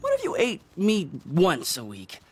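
A woman's voice: fairly low pitch, wildly swooping pitch, unhurried, over loud music. A woman voicing a friendly, easygoing teenage boy who likes to tease, in a cartoon. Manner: easygoing, teasing.

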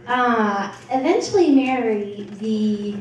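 Speaking at a fairly high pitch, a young American woman delivers her maid of honor toast into a handheld PA mic, animated and joking, pausing haltingly and partly reading from notes. The indoor reception is filmed from across the table, leaving the audio distant and echoey, with a loud, laughing crowd throughout.

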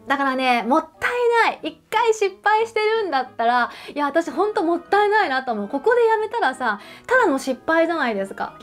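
Speaking directly to the camera as a counselor, a high-voiced woman gives advice emphatically, drawing on everyday examples and posing questions along the way. Soft music runs faintly beneath her.

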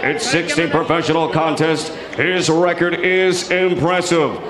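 A male ring announcer booms out fighter introductions like a lucha libre showman. His voice is high and his delivery slow and drawn out. It rings through an echoey arena. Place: boxing ring in a large indoor arena. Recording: echoey arena PA with clear crowd noise.

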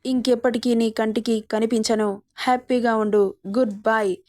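A woman's voice: on the high side, flat delivery, moderate pace, a little mellow, no room sound, studio quality, natural voice. Woman reading a hot-tempered young lover. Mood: hurt.

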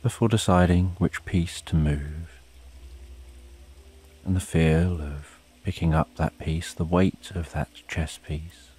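A man narrating a bedtime sleep story in a calm, soothing, unhurried way with long pauses, as a sleep story narrator. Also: deep voice, breathy edge. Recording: soft rain behind the voice. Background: rain.

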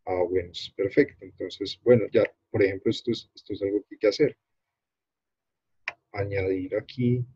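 A Colombian man runs an online workshop over a video call and walks through a page on screen. His voice is dark and mellow with a husky edge. The audio is dull and dry, with no room sound. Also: on the low side, fairly even intonation, dry recording. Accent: Colombian Spanish. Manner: unhurried, halting, many fillers and restarts. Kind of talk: explaining a screen-shared web page.

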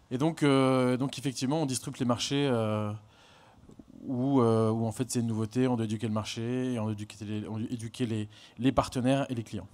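A man's voice: medium pitch, a little mellow. A man, a startup founder, speaking on a conference panel with many hesitations and fillers.

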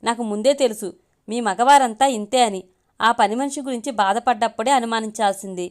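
A woman voicing a quick-tempered, jealous young wife in a storybook reading, scolding and sulky in her speech. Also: on the high side, lightly acted. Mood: wailing.

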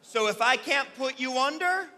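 A man's voice: very high-pitched, expressive, moderate pace, pushed and bright. A man in his thirties working as a comedy stage hypnotist, projecting commandingly to an audience in a theatre. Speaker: stage hypnotist and show host. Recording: echoey theatre hall with audience noise.

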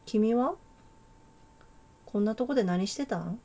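A woman voicing a laid-back, teasing, boyish girl in a game, speaking in a put-on Kansai-style dialect with a relaxed drawl. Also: on the high side, a little slow. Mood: easygoing. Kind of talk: game dialogue read aloud.

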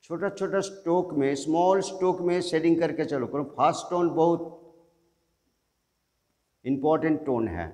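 A man teaching an online drawing class, giving slow step-by-step instructions and mixing in English. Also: a little high, a little mellow, in a large hall. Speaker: art teacher.

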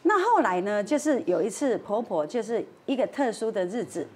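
As a storyteller guest on a talk show, a woman with a Taiwanese accent tells a dramatic anecdote, acting out the quoted voices and slipping into Hokkien phrases. Her mid-range voice is very animated and a little mellow, at normal speed.

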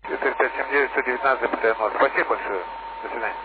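Fast-talking male pilot on noisy headset radio. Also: medium pitch. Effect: aviation radio. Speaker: airline pilot. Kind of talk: clipped radio communication with air traffic control. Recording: very noisy narrow-band cockpit radio transmission.

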